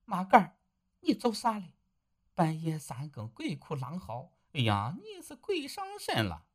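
A woman's voice: on the low side, wildly swooping pitch, unhurried, full character voice. A woman voicing a blunt young village wife who teases and scolds her husband. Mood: scolding. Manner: teasing, scolding.

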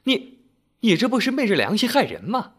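A man storyteller voicing a flustered, quick-tempered young village wife who exclaims and turns shrill when upset. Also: big pitch swings, fairly bright tone. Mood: indignant.

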